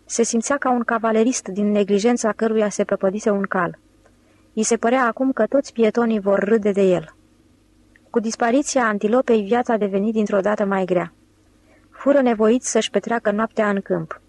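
A woman narrating a novel with a steady, even delivery at a middling pitch. The recording is close and dry, with no room sound. This is audiobook reading. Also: dry recording, rough recording. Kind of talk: scripted narration.

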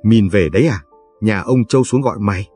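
A man reading aloud, voicing a frail, deaf, half-blind old village man who talks slowly and sounds puzzled. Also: lowish voice, darkish tone, soft background music, close to an everyday voice. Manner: slow and puzzled.

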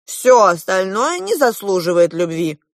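A woman's voice: mid-range voice, very animated, a little slow, dry recording, studio quality. A woman reading a storybook aloud and voicing a bad-tempered goose pilot who barks out announcements. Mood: gruff. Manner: barked announcements.

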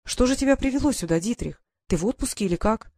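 A woman reading an audiobook, voicing a fond, worried widowed baroness questioning her grown son in a gentle, motherly way. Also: a little high, expressive, fast, dry recording. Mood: tender.

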